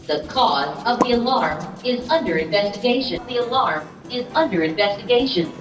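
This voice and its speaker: A woman making a recorded alarm announcement over the intercom in an airport terminal, slow and measured. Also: fairly high pitch, expressive, noisy background. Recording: echoey hall from far off, music behind.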